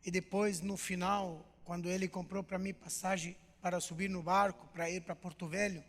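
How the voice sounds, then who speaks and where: A male pastor telling his testimony to a church, animated storytelling with acted dialogue. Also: high voice, moderate pace. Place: church hall. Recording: long reverb of church hall.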